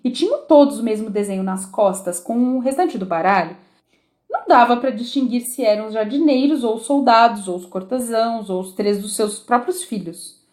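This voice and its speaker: A woman narrating an audiobook of a children's classic with expressive storytelling. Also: fairly high pitch, normal speed. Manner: expressive storytelling with lively intonation.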